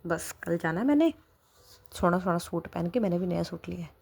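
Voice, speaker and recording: A woman's voice: lowish voice, animated, brisk, creaky, darkish tone, husky, exaggerated voice. A woman voicing an eager young woman who chats happily.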